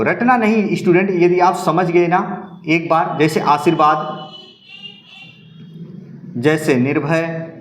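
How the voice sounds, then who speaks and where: A man teaching Hindi grammar for exam prep, in a fairly high voice that rings around an echoey room. He explains step by step, repeating each rule and talking straight to his students. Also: a little hiss or hum. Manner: repeats and drills rules, addresses viewers as students.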